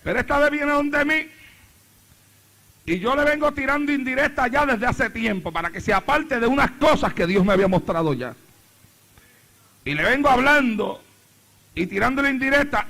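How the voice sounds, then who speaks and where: A man's voice: very high voice, creaky, sharp tone. A middle-aged man preaching a sermon as pastor, repeating phrases with rising fervor. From Puerto Rico.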